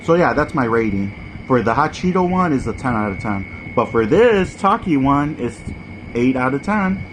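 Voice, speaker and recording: A man's voice: mid-range voice, big pitch swings, moderate pace. A man hosting a mukbang, giving a casual, informal food review while eating and repeating short verdicts. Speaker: mukbang host. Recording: clearly noisy background ambience.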